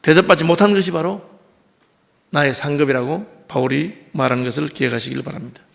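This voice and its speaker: The voice of a middle-aged pastor from the Gyeongsang region, on the high side with vocal fry, moves fairly quickly through a conversational sermon. Standing in the church sanctuary, he repeatedly poses rhetorical questions to the congregation.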